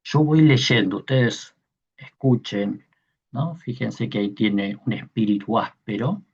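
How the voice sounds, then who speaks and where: A male teacher gives a patient class, pausing often to check that his listeners follow. His voice is gravelly and very husky, and his speech is slow and unhurried. The sound is dull and lo-fi. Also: on the low side, darkish tone. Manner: patient explaining, frequent checking questions. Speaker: teacher of Koine Greek. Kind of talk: online class lecture.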